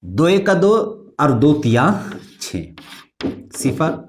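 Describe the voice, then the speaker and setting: Slow, patient man teaching math. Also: a little high, sing-song, slight background noise. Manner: slow, patient, explaining step by step with rhetorical questions; recites multiplication tables in a singsong way. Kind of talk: classroom lesson.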